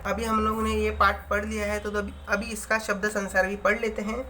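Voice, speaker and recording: A woman's voice: medium pitch, little pitch movement, a little fast, sharp tone, slight background noise. A woman teacher reading a school chapter aloud and explaining it in a friendly way.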